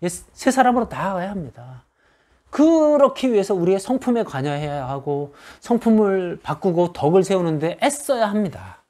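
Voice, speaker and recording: A man's voice: high voice, big pitch swings, normal speed, darkish tone. A man preaching a sermon as pastor, stressing his points by repeating phrases in rising lists.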